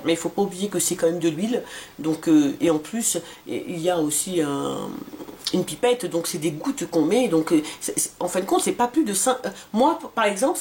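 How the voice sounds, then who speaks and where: A woman's voice: medium pitch, darkish tone. Hesitant woman in her forties reviewing skincare. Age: 40s. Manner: hesitant, many fillers and restarts. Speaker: beauty vlogger. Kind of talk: casual product review.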